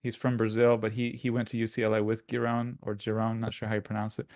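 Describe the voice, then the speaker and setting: A man's voice: fairly low pitch, monotone, fast talker, a little mellow, dry recording, studio quality. A man co-hosting a podcast, chatting casually and rambling with many restarts and filler words. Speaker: podcast co-host. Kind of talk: casual chat.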